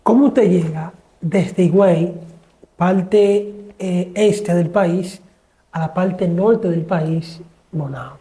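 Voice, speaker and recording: A man, interviewing a guest and asking a slow, drawn-out question. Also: high voice, dark tone, rough recording.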